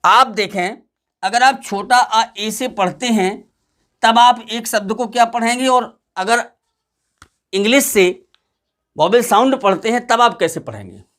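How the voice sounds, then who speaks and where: High-voiced teacher. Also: male voice, measured pace, fairly bright tone. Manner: explains step by step, asks and answers his own questions; addresses students as "beta". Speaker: English pronunciation teacher. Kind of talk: classroom lesson.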